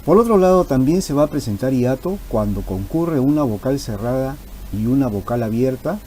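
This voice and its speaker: Male teacher, warm low voice, patient and repetitive, faint hiss behind. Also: rough recording. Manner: patient, repeats key terms for emphasis. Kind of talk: explanatory grammar lesson.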